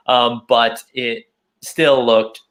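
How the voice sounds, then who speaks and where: A man's voice: mid-range voice, little pitch movement, extremely slow, fairly bright tone. Chatty man judging over a video call. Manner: chatty, rambling, lots of fillers. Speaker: cooking judge. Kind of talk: casual feedback on a video call.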